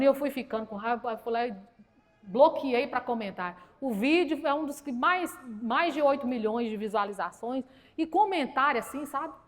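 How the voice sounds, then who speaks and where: A woman with a Minas Gerais accent, preaching a humorous testimony sermon at a church service and acting out the voices in her stories. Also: high voice. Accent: Minas Gerais Portuguese. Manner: lively storytelling that acts out quoted voices. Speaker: guest preacher.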